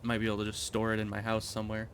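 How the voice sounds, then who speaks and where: A man's voice: lowish voice, completely flat delivery, rapid-fire, a bit bright, a little hiss or hum. A man streaming a game, chatting casually and rambling as he thinks aloud. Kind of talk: casual gameplay commentary.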